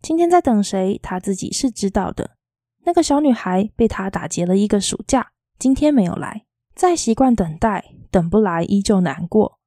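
A woman reading a novel aloud in a soft, quietly lilting storytelling voice. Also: medium pitch, expressive, moderate pace, dry recording, clean studio sound. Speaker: audiobook reader.

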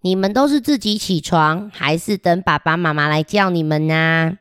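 A woman's voice: fairly low pitch, moderate pace, clear, resonant tone, no room sound, studio quality, lightly acted. A woman playing a proud, giggly little boy. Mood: cheerful, boastful. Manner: playful, giggly, talks straight to children. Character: boastful chatty little boy starting kindergarten. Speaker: storybook reader. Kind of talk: children's picture book read-aloud.

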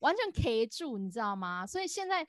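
A young woman with a Taiwanese Mandarin accent, co-hosting a podcast and telling a story in an animated way, laughing often. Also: on the high side, a little fast, dry recording, studio quality. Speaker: podcast co-host. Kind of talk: casual chat.

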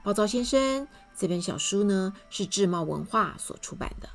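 Animated woman reading to kids. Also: medium pitch, normal speed, creaky, soft background music. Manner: animated, talking to children. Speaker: storyteller. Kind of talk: children's story reading.

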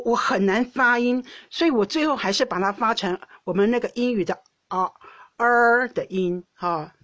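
Taiwanese Mandarin woman host, mid-pitched, dry close sound, chatty and self-correcting. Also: no echo. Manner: chatty, frequent self-restarts and small laughs. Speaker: podcast host. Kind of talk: casual storytelling monologue.

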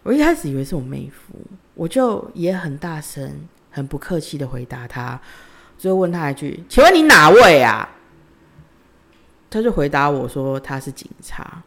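A woman's voice: low voice, expressive, normal speed, creaky, darkish tone. A woman, hosting a podcast and telling a personal story in a conversational way, retelling the dialogue in her own voice. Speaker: podcast host.

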